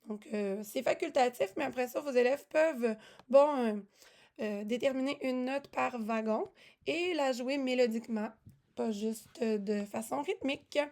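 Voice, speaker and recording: A woman presents music lesson materials in a casual walkthrough. Her voice sits slightly high, and she talks in a chatty way, with frequent fillers and self-corrections. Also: moderate pace, a little mellow. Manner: chatty, many fillers and restarts. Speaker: music teaching resource presenter.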